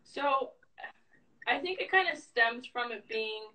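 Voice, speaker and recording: A woman's voice: on the high side, lively intonation, slow pace, bright, forceful tone, far from the mic, low-quality recording. A woman, a guest in a casual interview, explaining her views thoughtfully and at length. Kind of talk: casual conversation.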